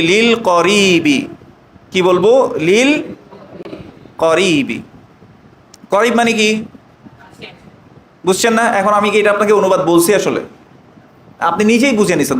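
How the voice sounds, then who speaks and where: A man teaching an online Arabic lesson, drawing out slow model phrases and often asking the students check questions. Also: high-pitched, a bit bright, reverberant, slight background noise, low-quality recording.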